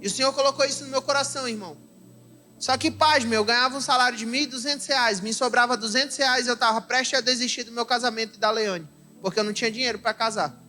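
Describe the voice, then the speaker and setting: A young adult man with a Brazilian accent, an evangelist preaching an emotional sermon with personal testimony at a church service. He swings from loud exclaiming to soft confiding and keeps calling the listeners "irmão". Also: very high-pitched, fairly even intonation, quick pace, soft background music. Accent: Brazilian Portuguese.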